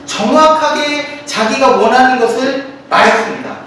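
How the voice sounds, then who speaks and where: A man's voice: extremely high pitch, normal speed, pushed and bright, slight background noise. A male pastor giving a sermon in a friendly, conversational way, speaking straight to his congregation. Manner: conversational, addresses the congregation directly. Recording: echoey hall from a distant mic.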